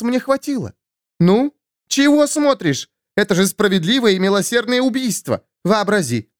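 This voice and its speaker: A man's voice: sits high, dry recording, studio quality, pitched above the performer's own voice. A man doing a snapping, scornful woman. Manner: snapping, scolding, sarcastic. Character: scornful sharp-tongued woman, husband-killer.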